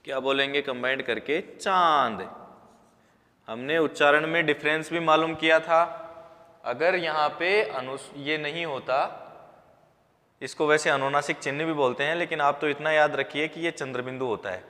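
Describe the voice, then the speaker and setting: Male teacher, slightly high bright voice, very slow deliberate delivery, reverberant room. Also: steady tone. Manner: slow, drawn-out syllable-by-syllable pronunciation. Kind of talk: classroom lesson on Hindi spelling.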